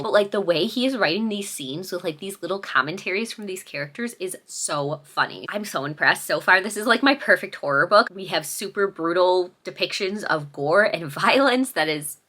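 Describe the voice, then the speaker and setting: A woman's voice: mid-range voice, sharp tone. A young adult woman chatting casually in a vlog, enthusiastic and full of fillers, sometimes out of breath. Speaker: book vlogger.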